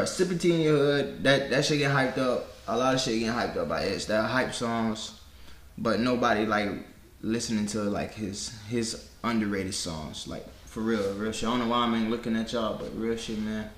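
Male reaction host, mid pitch, slangy and rambling, echoey room. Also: a little hiss or hum. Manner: loose and slangy, full of fillers and restarts. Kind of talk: casual reaction commentary. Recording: echoey room, faint music behind.

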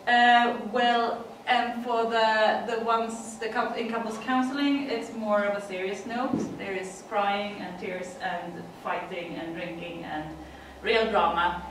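This time her voice is medium in pitch, steady in tone and slow, with few pauses and slight background noise. She's a middle-aged woman from Sweden with a Swedish accent, chatting her way through an English conference talk with frequent laughs and fillers. A far room mic in a dim conference room gives an echoey, faraway sound.

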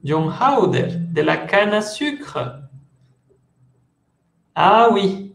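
In an online class, a male teacher explains French to Spanish speakers, moving between the two languages and calling students by name. His voice is high and gravelly with big pitch swings, heard in an echoey room. He speaks slowly and patiently, repeating words to drill pronunciation.

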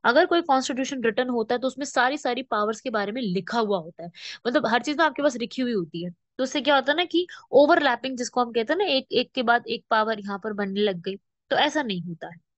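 A woman's voice: fairly high pitch, animated, quick pace, dry recording. A woman teaching a current affairs lesson for exam students, explaining step by step and asking rhetorical questions. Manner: explanatory, with frequent rhetorical questions and check-ins. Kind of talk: exam-prep lecture. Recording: dull, dry lo-fi.

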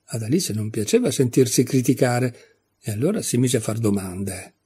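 Male storybook narrator, calm, measured, dark husky voice. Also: medium pitch. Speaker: audiobook reader.

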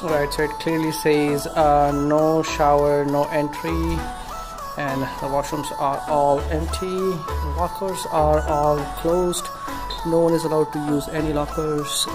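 A man vlogging casually to a handheld camera, upbeat and halting, with frequent filler sounds. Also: fairly high pitch, little pitch movement, over music. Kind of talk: casual vlog talk to camera. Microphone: handheld camera mic.

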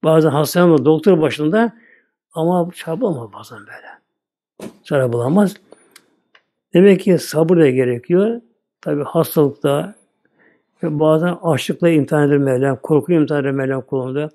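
An older male preacher talks through a religious lesson in a loose, conversational way, circling back over the same phrases. His voice sits a little high and sounds soft and mellow. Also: fairly quick, pauses often. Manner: plain conversational preaching, repeats "böyle". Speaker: Islamic preacher. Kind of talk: religious sermon talk.

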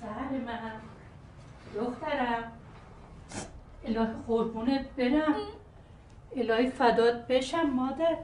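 Doting older grandmother in a film drama, fussing and soothing, voice a touch high, faint hiss underneath. An actress plays her. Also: natural voice. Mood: consoling. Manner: doting, soothing, affectionate endearments. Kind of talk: film acting.

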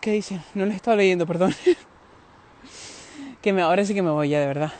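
A man's voice: high voice, a little fast, darkish tone. Chatty man streaming live. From Tenerife, Canary Islands. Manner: chatty and confiding, laughs often, talks to viewers. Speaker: singer hosting a live stream. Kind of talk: casual live-stream chat. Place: outdoors near a road, moving about.

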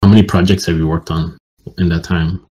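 A man's voice: low-pitched, flat delivery, a little fast, warm tone, breathy edge, rough recording. A man hosting an online Q&A on a video call, asking questions hesitantly. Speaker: host. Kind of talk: casual Q&A hosting.

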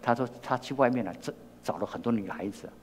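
An older man with a Taiwanese Mandarin accent preaches a sermon in a church hall, where the sound carries a long reverb. His mid-range voice moves fast with a breathy edge as he tells a personal story full of repeated words and restarts.

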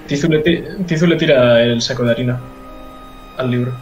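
A man's voice: mid-range voice, brisk. A young man playing a tabletop game, casually describing what his character does over a video call. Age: young adult. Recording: echoey video call, music underneath.

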